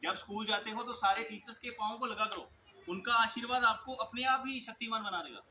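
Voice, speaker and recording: At a school event, a male coaching teacher gives an earnest motivational speech, telling stories and speaking directly to the students in the audience. His voice is high and a little fast. The hall is echoey, with noisy ambience.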